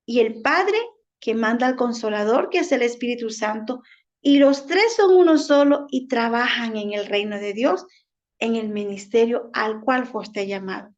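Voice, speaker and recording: A woman's voice: a little high, normal speed. A woman minister with an Ecuadorian accent, preaching a sermon and asking rhetorical questions. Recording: dull lo-fi recording.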